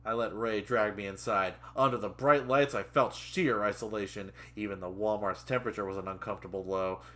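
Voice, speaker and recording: A man reads a story aloud with a bright, forceful voice, breaking off to mock the writing with sarcastic jokes and curses. His delivery is casual and irreverent, in a comedic reading. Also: fairly low pitch, steady tone, fairly quick. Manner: sarcastic, interrupts the text with jokes and swearing. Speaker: reader and commentator.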